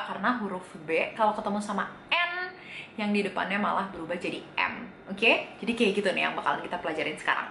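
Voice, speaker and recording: A woman's voice: mid-range voice, bright, forceful tone, slight background noise. Chatty woman teaching Korean, echoey room. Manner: chatty, asks the viewer questions and answers them; repeats each Korean word slowly. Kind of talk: casual video lesson on reading Korean.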